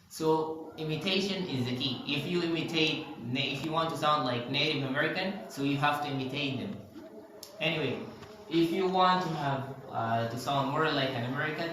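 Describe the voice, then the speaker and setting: Bright-voiced man teaching in an echoey room. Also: mid-range voice. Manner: slow, deliberate demonstrations of word sounds. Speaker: English pronunciation teacher. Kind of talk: online language lesson. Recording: echoey room with faint background noise.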